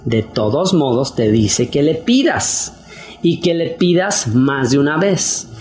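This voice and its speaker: A man's voice: expressive, slow pace, a little mellow, soft background music. Chatty man preaching with many fillers. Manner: conversational, with fillers and repeated phrases; acts out quoted wives in a higher voice. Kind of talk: casual sermon.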